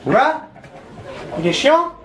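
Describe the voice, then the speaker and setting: A man's voice: extremely high pitch, big pitch swings, drawn-out words, noisy background. A male comedian performing a stand-up sketch, playing a pompous TV doctor with theatrical asides. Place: stage before a live audience. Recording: echoey hall with live audience laughing.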